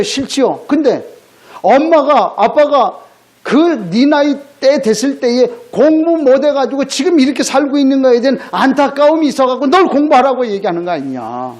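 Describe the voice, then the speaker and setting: Male pastor preaching, high voice that swoops all over, talky, asks the crowd questions. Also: darkish tone. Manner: conversational preaching, rhetorical questions, blunt scolding asides. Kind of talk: sermon. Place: church sanctuary.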